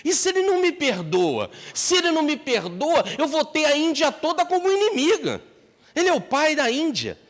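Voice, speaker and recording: A man's voice: very high voice, huge pitch swings, moderate pace, a bit bright, big-room sound, voice pushed up, exaggerated voice. A man voicing a remorseful thief who begs to be forgiven. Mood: pleading. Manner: pleading, anxious.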